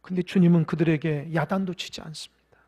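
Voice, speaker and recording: A male pastor preaching a sermon with emphatic swings from quiet to loud, leading the congregation in reading aloud. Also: on the high side, steady tone, fast talker, husky.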